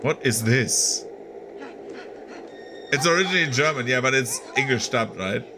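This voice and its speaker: A man's voice: medium pitch, moderate pace, background noise. A man streaming casually, reacting to a film with lots of laughter and swearing. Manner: excitable, laughs often, swears a lot.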